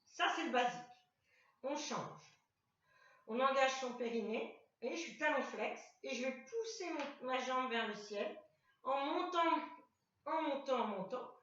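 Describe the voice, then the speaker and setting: A woman leading a chair exercise class, calmly cueing each movement step by step and repeating commands. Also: high voice, unhurried. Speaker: fitness instructor. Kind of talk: guided exercise class instruction. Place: room with a chair and mat. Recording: echoey room, voice far from the mic, dull sound.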